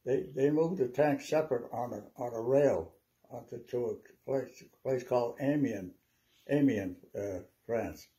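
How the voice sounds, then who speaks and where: An elderly man in his nineties with a dark, relaxed voice. He speaks as an old veteran remembering his service, telling stories conversationally. His recollection is halting and wanders, with words often repeated. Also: mid-range voice. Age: 90s. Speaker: WWII veteran interviewee. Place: small living room at home, seated.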